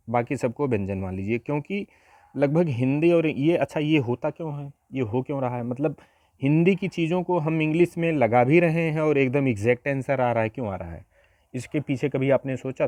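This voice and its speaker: A man at mid pitch with a dark tone runs an exam-prep grammar lesson, going through each point step by step and often pausing on rhetorical questions. His voice comes across dry and close, with no room sound at all.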